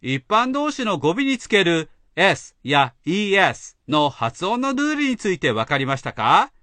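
Guy teacher explaining stuff slowly, lively pitch, dry studio sound. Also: no room sound. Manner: slow, careful explaining. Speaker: English teacher. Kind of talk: instructional narration.

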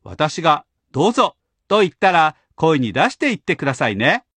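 A man hosting a language lesson, explaining grammar in a clear, patient, instructional way. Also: on the high side, sing-song, moderate pace, a bit bright, no room sound. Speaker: language teacher host.

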